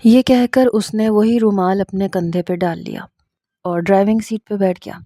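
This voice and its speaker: Woman reading a story out loud, mellow earnest voice, dry close sound. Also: mid-range voice, fairly even intonation, dry recording. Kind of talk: scripted first-person story narration.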